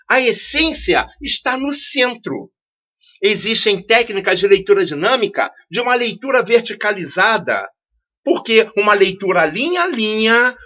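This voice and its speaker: A man's voice: high-pitched, bright, forceful tone. A man teaching a study lesson, explaining with rhetorical questions and repeating key phrases. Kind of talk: classroom-style video lesson. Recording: dull lo-fi audio.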